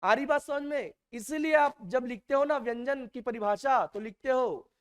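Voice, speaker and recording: A man's voice: very high-pitched, moderate pace. A male teacher giving a classroom lecture, quizzing his students and repeating key terms.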